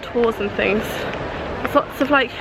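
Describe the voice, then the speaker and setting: Woman, thirties, rambling chatty vlog talk, self-mocking, slightly high voice. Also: a little slow, heavy background noise. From England. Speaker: vlogger. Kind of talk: casual vlog chat. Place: hotel room, then outdoors in a city.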